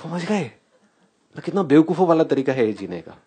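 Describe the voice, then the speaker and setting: A man giving a live spiritual talk to an audience, animated and questioning, often laughing as he mixes English phrases into Hindi. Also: fairly high pitch, a little fast, slight background noise. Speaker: spiritual speaker.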